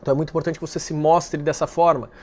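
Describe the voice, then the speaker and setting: Man with a higher voice giving advice. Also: rapid-fire. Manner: calm, explanatory, addresses viewer directly. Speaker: dating advice host. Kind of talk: direct-to-camera advice talk.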